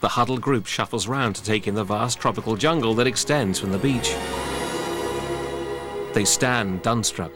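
A man's voice: lowish voice, normal speed, long pauses. A man reading scripted audio description narration for a film. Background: loud film music.

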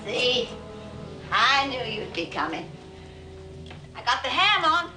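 A woman's voice: very animated, slow, echoey room, music in the background, full character voice, rough recording. An actress playing a confused, motherly elderly woman who fusses over a grown son in a film. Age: older. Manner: fussing, motherly, turning shrill when scared.

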